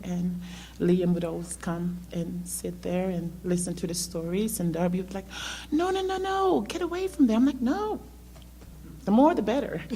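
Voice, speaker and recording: This church member gives her testimony haltingly, full of ums, in a lowish, dark voice. She is middle-aged, South American by birth, and grew up in the Netherlands. There's a faint background hum on the recording.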